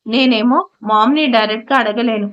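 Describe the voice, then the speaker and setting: A woman's voice: on the high side, a little fast, close to an everyday voice. A woman voicing an irritated, bossy young man in an audio story, speaking sharply and impatiently. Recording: slightly muffled audio.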